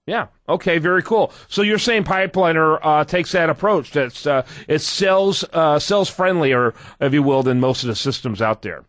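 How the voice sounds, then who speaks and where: A man hosting a radio talk show, plugging the show's website and briskly steering his guest through questions. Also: a little high, expressive, a bit bright, no echo.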